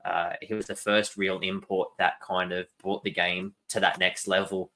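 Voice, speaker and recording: A man's voice: sits low, level tone, moderate pace, bright, forceful tone. A young man, co-hosting a sports podcast in an enthusiastic, joking way. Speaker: podcast co-host. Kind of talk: casual podcast chat.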